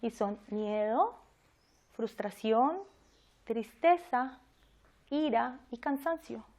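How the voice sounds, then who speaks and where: A woman's voice: fairly high pitch, expressive, extremely slow, a little mellow. A woman giving a conversational church teaching talk, often asking her listeners questions. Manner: conversational, asks the audience questions.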